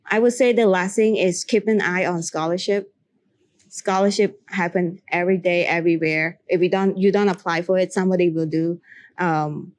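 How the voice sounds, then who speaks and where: A young Cambodian woman who works as a makeup artist answers an interview question, offering earnest, encouraging advice in broken English with frequent restarts. Her voice sits on the low side with a darkish tone, and the recording is dry.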